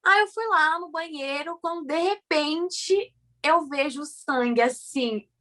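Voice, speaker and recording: A woman's voice: high-pitched, slow pace. A young woman with a Brazilian Portuguese accent, cheerfully recounting a memory in casual chat. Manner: cheerful, lively retelling.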